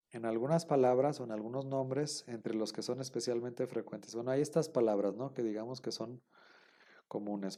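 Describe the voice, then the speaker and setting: A man's voice: medium pitch, warm tone. A man teaching an online class, explaining patiently step by step and often checking that students follow.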